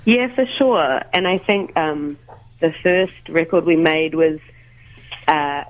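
A mid-range, slow voice belongs to a musician guest chatting casually by phone from home as coffee gets made. The talk is hesitant, peppered with ums and restarts, and the recording is dry over a tinny phone line.

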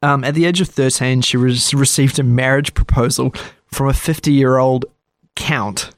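A man's voice: medium pitch, fairly even intonation, moderate pace, no echo. A man casually retelling history on a podcast, chatty and a bit sarcastic, acting out the people he talks about. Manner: chatty, sarcastic, acts out quotes.

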